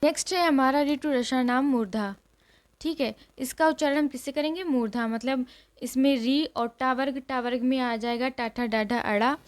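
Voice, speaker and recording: A woman's voice: high voice, moderate pace. A woman teacher giving an exam revision lesson, repeating each rule and quizzing her listeners. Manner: repeats rules and asks questions to the class.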